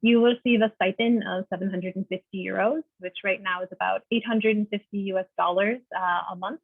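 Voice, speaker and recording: A woman giving a friendly, informative panel presentation on a video call, often pausing with "uh". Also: mid-range voice, fairly even intonation, creaky, slightly rough, dry recording. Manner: friendly, informative, uses many "uh" fillers. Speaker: panelist presenting a teaching program. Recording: dry, phone-like video call audio.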